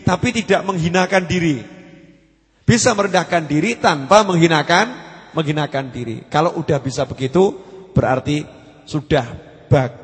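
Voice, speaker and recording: Male preacher, high voice, explanatory sermon style, echoing hall. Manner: explanatory, repeats key phrases. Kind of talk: Islamic study sermon.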